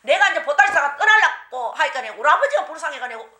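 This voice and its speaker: A woman shaman with a Gyeongsang accent telling her own story, animated and often laughing, acting out the people she quotes. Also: high-pitched, quick pace. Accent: Gyeongsang Korean. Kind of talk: personal storytelling. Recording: echoey room.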